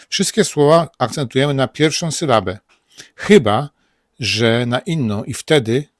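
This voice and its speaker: A man with a Polish accent teaching English pronunciation in a casual spoken lesson, saying words over and over slowly. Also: mid-range voice, dry recording, clean studio sound. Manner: repeats words slowly, drilling them aloud.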